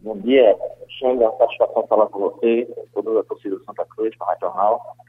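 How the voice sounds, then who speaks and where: A man, a football club director, giving a phone interview on sports radio over a landline phone, speaking in a measured, formal way with frequent fillers. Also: on the low side, steady tone, slightly rough, no echo. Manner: measured, formal, fills pauses with "né" and "aí". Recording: tinny phone line, dry.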